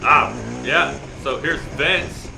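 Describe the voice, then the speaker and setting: Male motovlogger, chatty and self-deprecating race commentary, fry in the voice, recorded roomy with clear vehicle noise. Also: mid-range voice, takes it slowly. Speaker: motovlogger and amateur dirt bike racer. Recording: roomy echo, loud engine and ambient noise.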